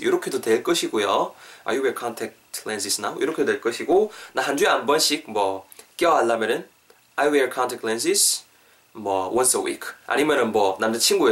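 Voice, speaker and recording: This English teacher and podcast host, a Korean man with a native Korean accent, keeps his lesson loose and conversational. He sounds mid-range and somewhat far from the microphone, spelling words out slowly and fixing his own slips as he talks.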